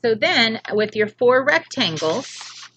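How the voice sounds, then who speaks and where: Slow, patient woman teacher. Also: fairly high pitch, very animated, a bit bright, a little hiss or hum. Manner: slow, clear, patient sounding-out. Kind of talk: phonics lesson for young children.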